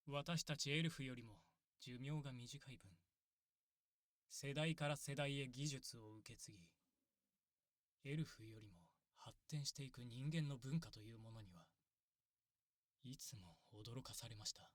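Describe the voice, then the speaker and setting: A man playing a kindly, long-lived elf priest in an ASMR role-play, very polite, soft and measured. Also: medium pitch, dry recording, studio quality, natural voice. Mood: reflective, sad.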